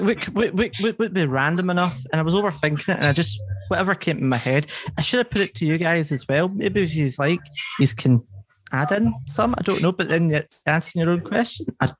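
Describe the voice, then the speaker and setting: A bubbly woman hosts a podcast, laughing easily between questions. Her pitch moves around a lot as she talks. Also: low-quality recording. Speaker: podcast host. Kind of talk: casual interview.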